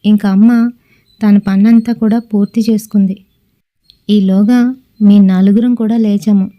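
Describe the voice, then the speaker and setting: A woman's voice: medium pitch, level tone, unhurried, dull audio. A woman narrating a first-person ghost story and acting out family members' lines.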